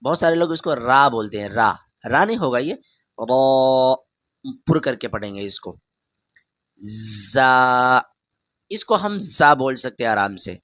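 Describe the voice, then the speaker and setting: A man teaches a beginner's Quran reading lesson in a medium-pitched voice. He explains each letter patiently, stretches and projects the letter sounds, and keeps asking the listener to say them back. The sound is dry and close, with no room echo. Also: big pitch swings, few pauses. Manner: patient, repeats each letter loudly and drawn out; talks straight to the learner, asks them to repeat.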